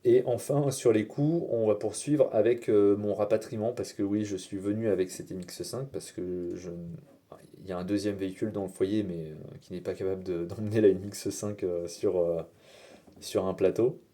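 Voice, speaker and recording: Casting: low-pitched, very dark-voiced man from France, casual hesitant vlogger. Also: fairly even intonation, moderate pace. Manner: hesitant, many "euh" fillers. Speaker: car vlogger. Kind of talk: casual explanatory vlog.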